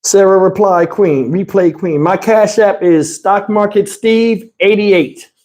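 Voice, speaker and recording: A man hosting a livestream speaks slowly in a high, slightly mellow voice. He wanders from topic to topic with his viewers, using loose slang and plenty of swearing.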